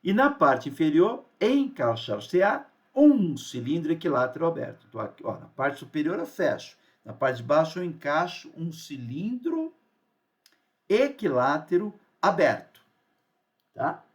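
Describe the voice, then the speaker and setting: A man's voice: fairly high pitch, very animated, measured pace, husky. A man teaching a math lesson, patient and often checking that the students are following.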